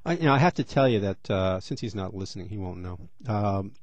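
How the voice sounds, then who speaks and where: A man's voice: fairly low pitch, animated, a little fast, no room sound. Chatty man hosting a radio interview. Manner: chatty, rambling, many fillers. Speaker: radio host.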